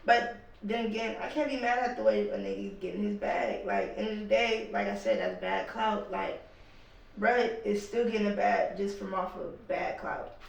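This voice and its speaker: A rapper guest talking casually and emphatically on a podcast, with lots of slang and cursing. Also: male voice, high-pitched, steady tone, normal speed, gravelly. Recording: echoey room, mic at a distance.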